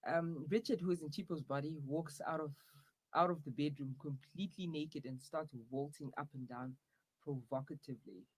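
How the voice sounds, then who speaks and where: A man's voice: a little high, fairly even intonation, normal speed, husky, no room sound, low-quality recording. A man narrating subdued, offhand stage directions. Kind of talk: comic audio drama narration.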